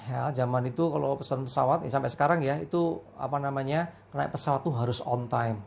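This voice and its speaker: A woman's voice: sits low, vocal fry, darkish tone. A woman preaching a family worship sermon, telling stories with frequent fillers.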